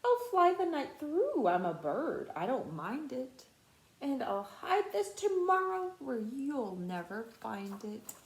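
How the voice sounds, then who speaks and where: A woman's voice: high voice, huge pitch swings, takes it slowly, roomy sound, full character voice. Woman doing a curt, boastful villain eagle. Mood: boastful, dismissive. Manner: curt, dismissive.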